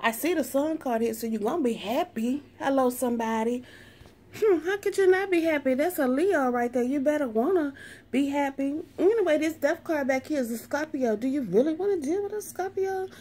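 A woman's voice: high-pitched, lively intonation, fairly quick, mellow. A woman doing a sassy, profane tarot reading in a brash, sarcastic way, swearing constantly. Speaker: tarot reader.

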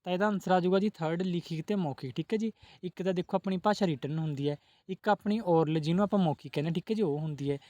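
A man's voice: sits high, fast talker, mellow, dry recording. A man teaching exam-prep questions, who asks each question and then answers it, adding a polite "ji" again and again.

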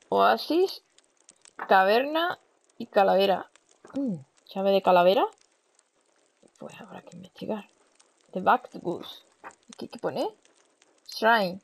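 Her voice is fairly high, creaky and edged with breathiness as she gives casual let's-play commentary. She's a chatty young Spanish gaming host with a Spain Spanish accent who swears casually and reacts aloud while playing, with game music in the background.

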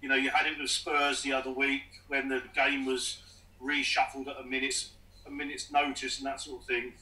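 A man's voice: mid-range voice, flat delivery, moderate pace, pushed and bright. A man, a journalist asking a probing question at a press conference. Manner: probing, conversational. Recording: echoey room, distant mic.

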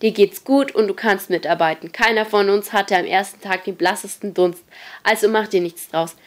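Woman doing a gruff teen boss. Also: medium pitch, moderate pace, lightly acted. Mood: bossy. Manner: loud, barking orders. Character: gruff bossy teenage boy leader.

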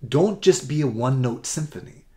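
A middle-aged man giving an upbeat, rushed presentation as a college essay coach, often correcting himself mid-sentence. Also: medium pitch, lively intonation, warm tone. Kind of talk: presentation to parents and students.

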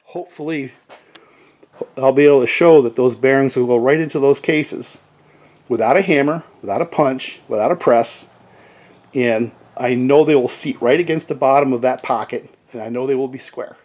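A middle-aged man hosting a chainsaw repair video explains the steps casually at his workbench, often tossing in "right?" His medium-pitched voice is a little mellow and moves at a moderate pace, with lo-fi sound from a tripod-mounted camera mic in an echoey, cluttered home workshop full of background noise.

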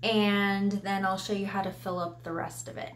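Woman vlogger, easygoing diy chat, mid pitch, lots of ums and likes. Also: little pitch movement, normal speed, a little hiss or hum. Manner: chatty, upbeat, with fillers. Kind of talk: casual DIY tutorial. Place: home office.

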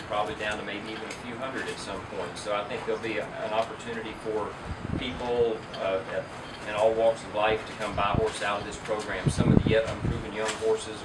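A middle-aged man, an auction company owner, giving a businesslike statement at an indoor press event, picked up from a distance. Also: lowish voice. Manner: businesslike, steady explaining. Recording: roomy, distant, loud air-conditioning hum.

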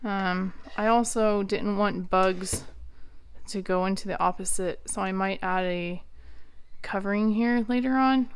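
A woman's voice: medium pitch, fairly even intonation, a little slow, clean tone. A woman in her thirties chatting casually as she shows off her small wooden camper trailer, with lots of ums and likes, recorded on a handheld phone. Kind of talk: casual show-and-tell. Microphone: handheld phone camera.

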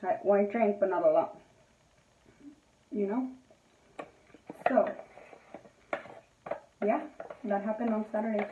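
Slow, profane woman on a tinny line. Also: mid-range voice, background noise. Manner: profane, emphatic storytelling; mixes in Spanish words. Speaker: beauty vlogger. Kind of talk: casual storytime while doing makeup. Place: indoors at night. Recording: tinny, roomy, distant from mic.

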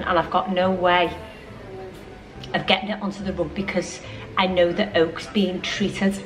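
A woman's voice: fairly low pitch, poor audio. A woman, chatting casually and ramblingly to camera as a home vlogger. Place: living room at home. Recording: clear background noise.

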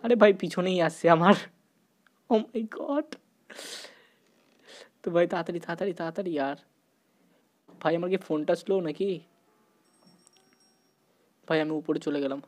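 Excitable man narrating a horror game. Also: on the high side, fairly quick, long pauses. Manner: excitable, panicky outbursts, mixes English exclamations; sometimes talks softly out of fear. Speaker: gaming YouTuber. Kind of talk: horror game let's-play commentary.

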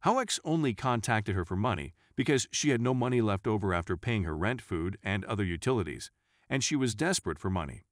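A man reading out a first-person forum story as scripted narration, at an even reading pace. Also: fairly low pitch, fairly quick, no echo, studio quality.

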